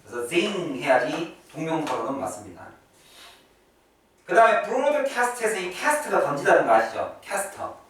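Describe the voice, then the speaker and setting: Explaining vocabulary and grammar to his class at a private academy, a male English teacher speaks chattily and frequently checks on his students. His voice is on the high side, sing-song, unhurried, and a bit bright. The mic is distant in an echoey room, with faint noise.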